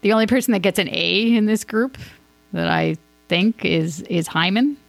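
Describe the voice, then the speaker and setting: A woman talking casually as a sports podcast host, rambling and thinking out loud as she gives her opinions. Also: mid-range voice, moderate pace, creaky, no room sound, soft background music. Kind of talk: casual hockey commentary.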